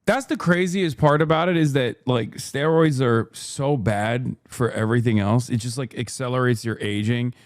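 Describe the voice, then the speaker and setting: A man's voice: mid-range voice, moderate pace, few pauses, no echo. A man in his thirties hosting a stream, giving rambling, emphatic, profane reaction commentary into a close mic. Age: 30s. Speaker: streamer host.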